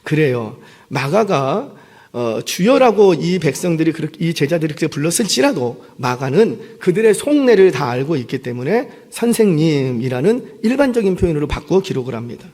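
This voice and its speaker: A man who is the senior pastor, preaching a sermon with animated delivery and putting questions to the congregation. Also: on the high side, normal speed. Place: church sanctuary. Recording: long church hall reverb.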